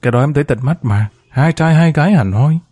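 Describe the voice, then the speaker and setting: A man's voice: a little high, expressive, brisk, a little mellow, breathy edge. Man reading a fed-up teen boy, sulky and offhand, storybook. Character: sullen teenage son, fed up.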